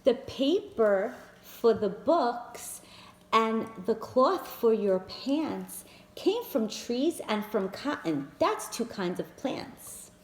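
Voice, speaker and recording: A children's storyteller reads a picture book aloud to small children, her fairly high, darkish voice moving slowly in a bouncy, sing-song rise and fall. She is very animated, treating her listeners as friends as she shows them the pictures. The echoey room gives the sound a noticeable echo.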